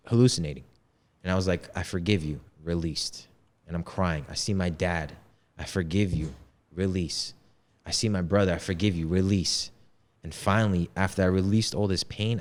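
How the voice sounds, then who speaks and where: A man in his twenties speaks in a very deep, low register. He tells his story in a casual, candid way, sprinkled with street slang. He is a guest opening up on an interview podcast. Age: 20s. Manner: slangy and candid, heavy on "yo" and "bro". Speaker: podcast guest, men's coach.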